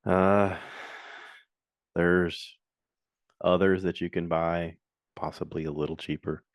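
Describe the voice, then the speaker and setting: Middle-aged male podcast host, very low voice, dry mic, loose chatty delivery. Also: fairly even intonation, slow pace, dry recording. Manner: rambling, chatty storytelling with many fillers. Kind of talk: casual solo podcast chat.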